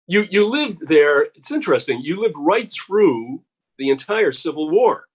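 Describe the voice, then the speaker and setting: Host guy asking questions, a bit high voiced, calm and polite, some ums. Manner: measured, polite questions with fillers. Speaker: interviewer and host. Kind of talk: conversational interview.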